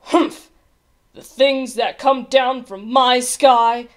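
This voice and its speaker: A woman's voice: high-pitched, steady tone, drawn-out words. A woman voicing a grumpy, imperious old king in a storybook, bellowing his commands with hot-tempered bluster. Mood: grumbling. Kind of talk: storybook character voice.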